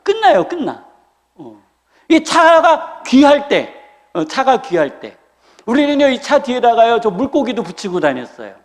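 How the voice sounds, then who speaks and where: A man preaching a sermon as a pastor, lively and humorous, acting out the people he quotes. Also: very high-pitched, a little slow. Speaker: senior pastor. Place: church sanctuary. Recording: reverberant church hall.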